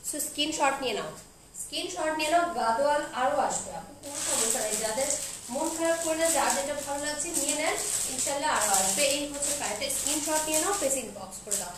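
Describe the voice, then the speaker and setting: Soft-spoken Bangladeshi woman selling clothes live. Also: high-pitched, animated. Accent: Bangladeshi Bengali. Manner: speaks slowly and softly, reading out viewers' comments. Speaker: online clothing seller hosting a live sale. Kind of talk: casual live-stream sales talk. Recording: roomy echo with faint background noise.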